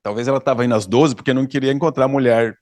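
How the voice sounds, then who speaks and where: Um pastor brasileiro, com sotaque do Brasil, pregando um sermão, contando uma história com animação e dando risadas. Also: male voice, mid-range voice, very fast, no room sound, studio quality. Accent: Brazilian Portuguese. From Brazil. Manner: animated storyteller, laughs often, acts out dialogue. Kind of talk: sermon with storytelling. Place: church hall, dry sound.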